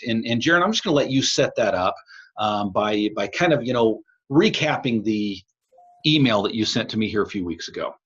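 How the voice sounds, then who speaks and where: A man's voice: lowish voice, expressive, a little fast, a bit bright, breathy edge. An American man hosting a podcast in casual talk, with a tinny sound as if in a tin can, picked up by a laptop microphone. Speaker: podcast host. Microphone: laptop built-in microphone.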